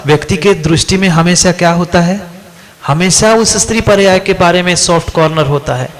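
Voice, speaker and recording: A man's voice: high voice, moderate pace. A man, a Jain monk, preaching a sermon through a story and questioning his listeners. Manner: animated, asks the listeners questions.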